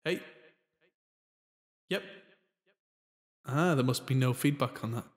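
Man, heavy cave echo effect, studio reverb on the voice, condenser mic, home studio, relaxed chatty talk. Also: mid-range voice, takes it slowly. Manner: relaxed, chatty, tries short sung lines. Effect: heavy reverb, cave-like echo on his voice. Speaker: music producer demoing software. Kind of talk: casual studio demo. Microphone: studio condenser mic through a preamp.

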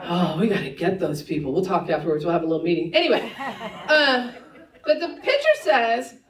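A woman pastor preaching a sermon to her congregation, conversational and teasing, with quick laughs in her asides. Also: fairly low pitch, sing-song, far from the mic, a crowd in the background. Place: church sanctuary. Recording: echoey church room, voice a bit off-mic.

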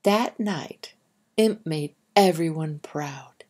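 A woman with a low, mellow voice reads aloud slowly to young children. She talks straight to the listener, guiding them in simple, instructive language as a storybook reader and drawing guide.

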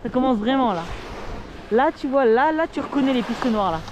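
A man's voice: very high-pitched, animated, a little fast. A young man vlogging casually while skiing down a snowy slope, teasing and joking as he talks to an action camera. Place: outdoors on a snowy ski slope. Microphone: action camera worn while skiing. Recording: loud wind noise on an action camera.

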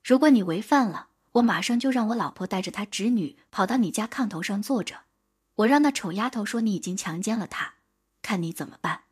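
A woman's voice: medium pitch, expressive, a little fast, breathy edge. Woman voicing a sly, wheedling village man. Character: sly, coaxing middle-aged village man.

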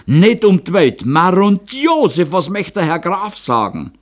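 A man voicing a panicky old male gamekeeper with a Bavarian accent, wailing and pleading in a shrill voice. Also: very animated, normal speed. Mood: aghast.

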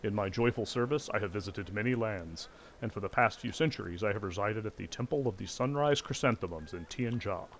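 A man's voice: lowish voice, fairly quick, slight background noise, lightly acted, low-quality recording. A man voicing a vain, cheerful male gem golem in a staccato, clockwork automaton voice while reading game dialogue aloud. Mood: proud, chirpy.

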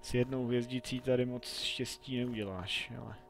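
A man's voice: mid-range voice, fairly even intonation, faint music behind. A young man giving chatty, playful commentary while playing a video game, talking to himself and the game. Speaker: let's play gamer. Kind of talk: casual gameplay commentary.

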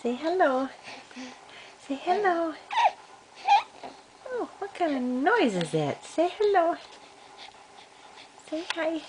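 Grandma cooing at a baby, high swooping voice, slow and coaxing, noisy old camcorder sound. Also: female voice, very animated. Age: older. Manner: coaxing, sing-song, repetitive. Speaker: grandmother babysitting. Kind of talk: baby talk to an infant. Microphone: camcorder mic. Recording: noisy home camcorder audio.

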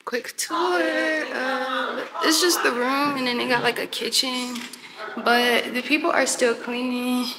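Out by a city street at night, a young adult travel vlogger chats animatedly to her viewers from her hotel room and balcony. Her voice is high-pitched and unhurried, the recording very noisy, captured on a handheld phone at arm's length.

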